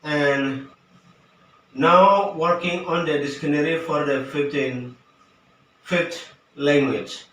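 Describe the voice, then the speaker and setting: A man's voice: fairly high pitch, fairly bright tone. Man, far from the mic. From Papua, Indonesia. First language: Western Dani. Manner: halting, with frequent fillers and broken phrasing. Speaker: dictionary writer and language activist. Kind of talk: prepared talk for an online event. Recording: roomy, far-off mic with faint noise.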